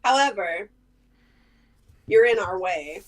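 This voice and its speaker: A woman's voice: mid-range voice, expressive, slow, poor audio. A woman voicing a haughty, coolly taunting female spellcaster in a tabletop game. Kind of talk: tabletop game role-play.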